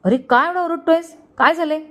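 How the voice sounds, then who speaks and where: A woman's voice: mid-range voice, animated, a little slow, darkish tone. A woman voicing a shy young woman in a romantic story, who sounds exasperated and teasing with her family. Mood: scolding.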